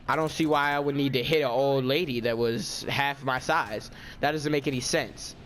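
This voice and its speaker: A man's voice: mid-range voice, steady tone, normal speed, fairly bright tone, a little hiss or hum. A teenage boy telling a storytime vlog in a casual, indignant, ranting way. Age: teens. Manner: indignant, ranting, self-justifying.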